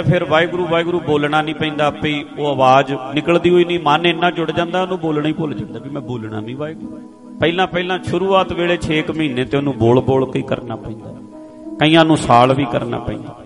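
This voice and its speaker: A man giving a slow, explanatory religious sermon, now and then chanting rhythmically. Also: fairly high pitch, steady tone. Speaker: Sikh preacher. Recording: music clearly behind the voice. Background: instrumental music.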